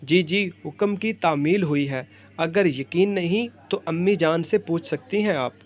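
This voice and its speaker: A man's voice: fairly high pitch, lightly acted. A man voicing a young man in love who is sick, playful and devoted.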